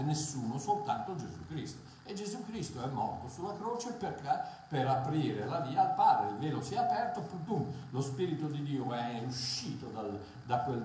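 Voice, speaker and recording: A man preaching a Bible sermon, impassioned and emphatic, repeating key phrases and pausing on hesitant fillers. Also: medium pitch, warm tone. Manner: impassioned, emphatic repetition, halting fillers and restarts. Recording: very echoey room, faint noise.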